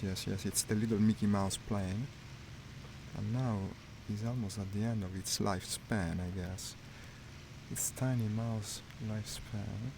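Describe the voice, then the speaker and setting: Playing a flight sim on stream, a man offers wry running remarks, talking half to himself. His voice is lowish and gravelly, and the audio is noisy.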